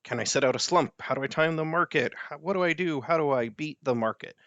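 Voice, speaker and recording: A man's voice: fairly high pitch, quick pace, a bit bright, no echo, lo-fi sound. A man hosting a personal finance video, giving blunt, emphatic advice in an explanatory monologue.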